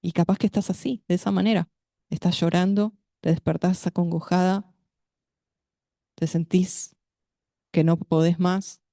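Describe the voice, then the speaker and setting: A woman's voice: lowish voice, fairly even intonation, gravelly, dark tone, no room sound, studio quality. A woman preaching at a women's meeting, speaking to her listeners directly and asking them questions. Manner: measured, addresses listeners directly as sister with questions. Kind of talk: sermon.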